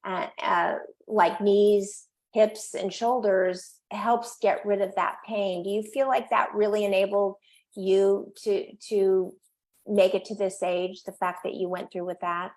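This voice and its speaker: An older woman hosts a conversational interview in a mid-pitched voice. She encourages her guest and takes her time building long, wordy questions. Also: fairly even intonation, measured pace, a little mellow. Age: 60s or older. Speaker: interviewer, host.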